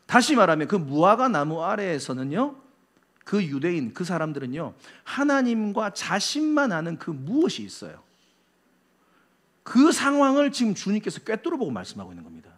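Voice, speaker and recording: Pastor, man, middle-aged; sermon delivery with wide pitch swings and sudden loud-soft shifts. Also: normal speed. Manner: animated preaching, acts out quoted lines, swings between loud and soft.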